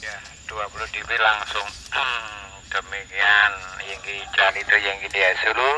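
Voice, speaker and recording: A man's voice: on the low side, flat delivery, moderate pace, bright, forceful tone, a little hiss or hum, low-quality recording. A man, heard over a handheld two-way radio, answering a call and ending each turn with "over".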